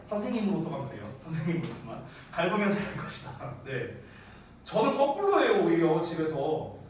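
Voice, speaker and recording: A man in his thirties, an English teacher giving a chatty classroom lecture, often checking whether students follow. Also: sits high. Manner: chatty, animated, asks students rhetorical checks. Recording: echoey room from far off, faint noise.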